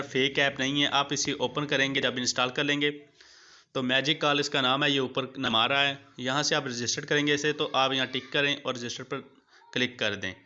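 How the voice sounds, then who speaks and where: A man with a slightly high, bright, forceful voice hosts a YouTube app tutorial, narrating a screen walkthrough in a casual, colloquial way. He talks to viewers like buddies and repeats his points, and the audio has a dull lo-fi quality.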